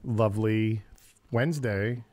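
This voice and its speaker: A man's voice: on the low side, fairly even intonation, slow, darkish tone, no echo. Man, podcast co-host, casual laid-back chat, dry close sound. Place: a house.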